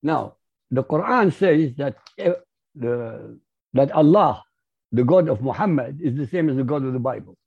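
A man's voice: mid-range voice, expressive, moderate pace, creaky, slightly rough. A man from Iraq whose first language is Arabic, speaking with an Arabic accent as an interview guest, in an emphatic, lecturing way. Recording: muffled lo-fi audio.

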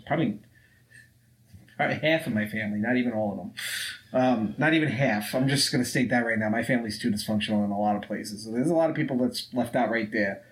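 A man's voice: mid-range voice, quick pace, rough recording. A man co-hosting a podcast in casual chat, talking loosely and swearing freely. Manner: loose and profane, acts out scenes with voices. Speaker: podcast co-host.

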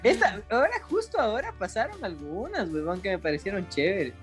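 A man hosting a podcast in casual chat, animated, teasing and swearing freely among friends. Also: high-pitched, fairly quick, soft background music. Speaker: podcast host.

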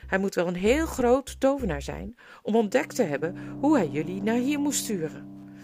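A woman's voice: mid-range voice, very animated, normal speed, creaky, darkish tone, voice pushed up. A woman voicing a proud, cruel adult queen in an audiobook, speaking in a haughty, commanding and scornful way. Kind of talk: audiobook character voice. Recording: music playing underneath.

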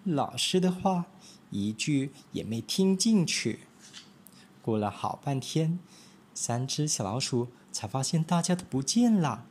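Brief: man from Malaysia, storybook reader, very animated and lively. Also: medium pitch, measured pace, slightly rough. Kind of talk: children's picture-book reading.

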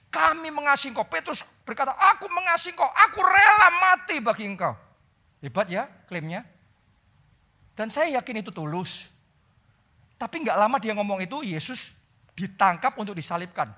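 Pastor guy preaching, high bright voice, swings way up and down. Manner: animated storytelling preaching with sudden loud peaks and soft drops. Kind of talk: sermon.

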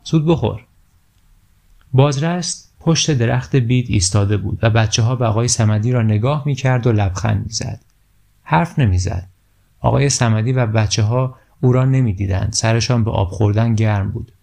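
A man reading a children's storybook aloud in a calm, steady narrating voice. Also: mid-range voice, gravelly.

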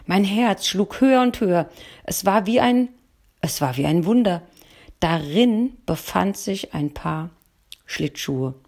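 A woman narrating a first-person story in a calm audiobook reading. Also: on the low side, gravelly.

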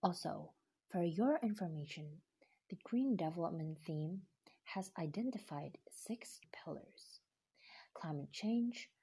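A woman from Indonesia giving a scripted explainer, reading in a steady, earnest tone with breathy stretches. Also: lowish voice. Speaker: presenter.

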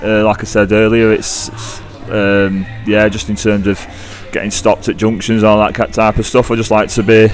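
A man with a northern English, British accent talks casually as a podcast guest. His voice is fairly low and stays level, with hesitant phrasing. Music plays behind him. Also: flat delivery, normal speed, hardly any pauses. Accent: northern English, Greater Manchester. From Greater Manchester, England. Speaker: podcast guest, club runner.

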